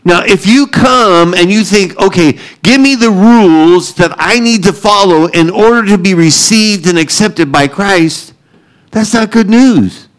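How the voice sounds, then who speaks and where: A man's voice: sits high, a little slow, hardly any pauses, fairly bright tone, poor audio. A middle-aged man preaching a sermon, telling joking, self-deprecating stories and laughing often. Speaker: pastor.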